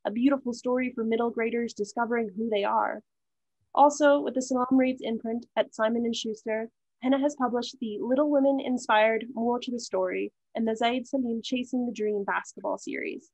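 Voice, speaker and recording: A woman moderating an online event, reading out speaker introductions in a steady, scripted way with small slips. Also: on the high side, brisk, dry recording. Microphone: video call. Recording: dull, dry video call audio.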